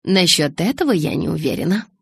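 A playful young woman teases with an innocent air, voiced by a woman reading an audiobook. Her tone is husky and on the low side. The sound is close and dry. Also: big pitch swings, fairly quick, no room sound, full character voice. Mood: teasing. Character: playful, teasing young woman, quick and light. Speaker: audiobook reader.

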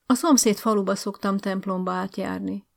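A woman voicing an eager, naive young female village teacher, speaking earnestly with a gravelly edge. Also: steady tone, natural voice. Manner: earnest, eager, higher-pitched.

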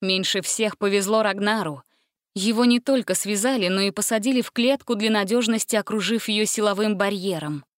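A woman narrating a fairy-tale storybook with a lively, expressive reading. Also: medium pitch, fairly quick, no echo, studio quality.

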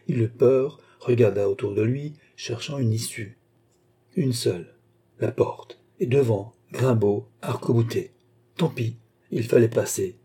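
Dark husky male storyteller. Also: mid-range voice. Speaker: audiobook reader. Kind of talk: scripted narration.

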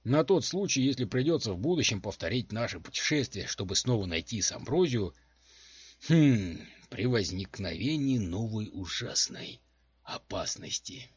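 Guy doing a fussy sensible wizard dude, raspy voice, dry muffled audio. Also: lowish voice, very animated, moderate pace, dry recording, exaggerated voice. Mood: reasoning. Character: reasonable, fussy male wizard companion.

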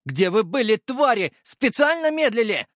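Guy voicing an angry prisoner cussing out guards, loud, jumpy high pitch. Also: very animated, normal speed, dry recording, studio quality, exaggerated voice. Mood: furious. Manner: yelling, cursing. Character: furious male prisoner, loud and abusive.

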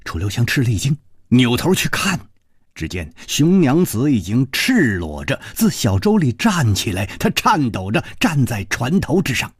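A man's voice: very animated, breathy edge, dry recording, studio quality. A man narrating a story in a dramatic storytelling style. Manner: dramatic, slow, widely varied pitch.

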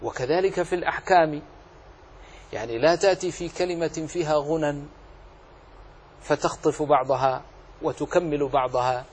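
A man teaching as a sheikh, explaining a classical poem on recitation rules line by line, deliberate and repeating key phrases for emphasis. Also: a little high, a little hiss or hum. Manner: demonstrates recitation between explanations.

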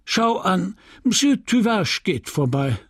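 Man playing a chatty busybody pharmacist, slow and husky. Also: high voice, very animated, no echo, clean studio sound, pitched above the performer's own voice, exaggerated voice. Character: fussy, talkative male village pharmacist.

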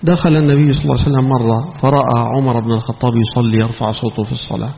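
A man's voice: mid-range voice, fairly even intonation, racing, gravelly, a little hiss or hum. A man with an Egyptian Arabic accent, a sheikh teaching Quran commentary in a mosque, who moves from formal preaching to scolding colloquial asides. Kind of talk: mosque lesson on scripture. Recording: tinny phone-like recording in echoey hall.

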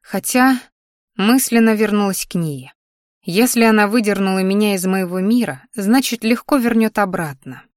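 A woman narrating a first-person fantasy audiobook with an expressive, emotional delivery. Her voice sits at a middling pitch. The recording is dry and close. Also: normal speed, dry recording.

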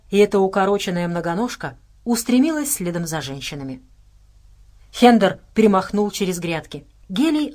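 A woman with a medium-pitched voice narrates an audiobook, reading the scripted text in an even, measured style.

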